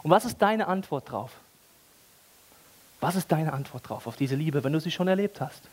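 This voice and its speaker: Animated, ironic German preacher. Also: male voice, a little high, normal speed. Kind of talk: sermon.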